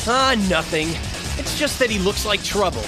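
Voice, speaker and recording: A man's voice: sits high, expressive, normal speed, music in the background, low-quality recording. An actor voicing a cocky young male hedgehog hero in a video game, flippant and impatient, full of casual slang. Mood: breezy, impatient. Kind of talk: video game cutscene acting.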